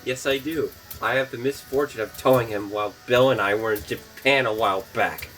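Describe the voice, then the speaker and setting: A man's voice: mid-range voice, brisk, a bit bright, soft background music, natural voice. A man voicing a grumpy, sardonic talking train in a cartoon. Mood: grumbling.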